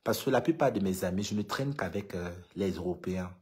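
Low-voiced Cameroonian French speaker. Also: expressive, fairly quick, a little mellow. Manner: emphatic, repeats points for stress. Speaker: LGBT activist. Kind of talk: casual vlog monologue to followers.

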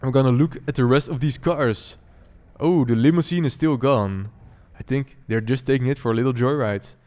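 A man hosting a gaming channel, giving relaxed, easygoing gameplay commentary and often repeating himself. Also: mid-range voice, normal speed.

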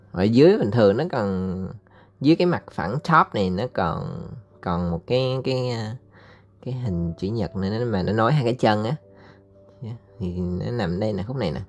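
A man with a Southern Vietnamese accent giving a casual English lesson over slides. He pauses often with fillers and draws out English words slowly so listeners can repeat them. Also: lowish voice, darkish tone. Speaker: English teacher.

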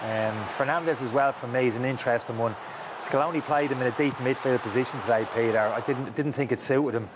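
A man's voice: medium pitch, a little fast. A middle-aged man analysing football match replays in an emphatic way as a pundit on a TV studio set, on a lapel mic. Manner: emphatic, talks over replays. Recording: TV studio with background noise.

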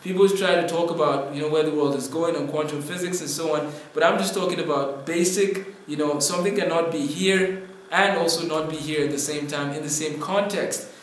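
A man's voice: a little high, steady tone, fairly quick. A young man from Nigeria gives an earnest talking-to-camera lesson, explaining with his hands. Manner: earnest, explains with hand gestures. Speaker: apologetics teacher. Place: indoor room with wood-panel wall. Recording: very echoey room.

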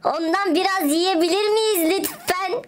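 A woman voicing a gentle beggar boy who quietly reassures his friends. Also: very high voice, measured pace, a little hiss or hum. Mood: reassuring. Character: gentle soft-spoken beggar boy guide.

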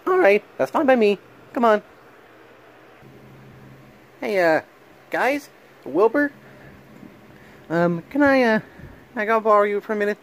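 A man's voice: high voice, expressive, a little slow, long pauses, pitched above the performer's own voice. A man voicing Mario, turned into a cat, as an eager adult man who pleads with many hesitant restarts, in a plush toy home video. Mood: pleading. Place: home room with couch.

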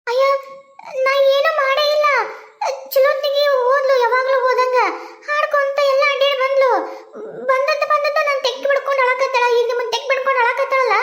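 A woman's voice: extremely high pitch, flat delivery, a little fast, a bit bright. A woman voicing an anxious village woman explaining. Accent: North Karnataka Kannada. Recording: echoey room.

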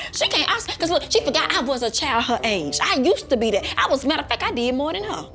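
A woman's voice: sits high, big pitch swings, a little fast, a bit bright, soft background music. A woman playing a sassy, theatrical mother in a comedy skit, exclaiming and repeating phrases for emphasis. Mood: sassy, boastful. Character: sassy, scolding, theatrical mother who won't be outsmarted. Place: living room of a house.

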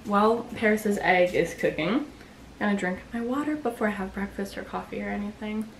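Young female vlogger, relaxed and chatty, mid-range voice, talks with many fillers. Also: medium pitch, a little fast, vocal fry, slight background noise, low-quality recording. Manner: chatty, lots of filler words. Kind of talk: casual vlog narration.

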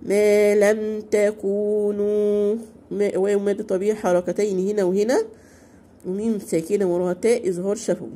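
A woman with an Egyptian Arabic accent teaching Quran recitation to beginners. She recites slowly and drawn out, then explains quickly, asking questions and answering them herself. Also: mid-range voice, fairly even intonation, warm tone. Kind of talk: beginner tajweed lesson.

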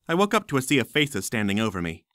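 A man reading a first-person audiobook in a wry, lively storytelling manner. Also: medium pitch, fast talker, no echo, clean studio sound. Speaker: audiobook narrator.

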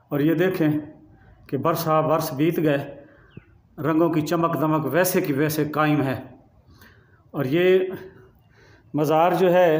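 A man's voice: on the high side, darkish tone, echoey room. A man, narrating a touring vlog outdoors at a graveyard and earnestly pointing things out to the viewer. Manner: earnest, guiding the viewer around. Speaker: vlogger.

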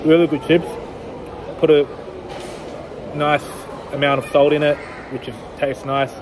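A man's voice: fairly high pitch, level tone, unhurried, noisy background. A young Australian man reviewing food in a casual vlog, chatting to viewers with his mouth full. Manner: chatty, addresses viewers as guys. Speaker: vlogger.

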